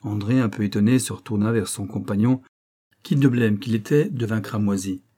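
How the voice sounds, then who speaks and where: Un homme qui lit un roman en livre audio, d'une lecture posée et régulière. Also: male voice, lowish voice, moderate pace, dark tone. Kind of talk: audiobook narration.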